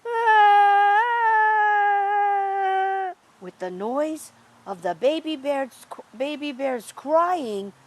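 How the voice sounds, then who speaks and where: A woman storyteller telling a fairytale in an animated, sing-song way. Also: high-pitched, slow.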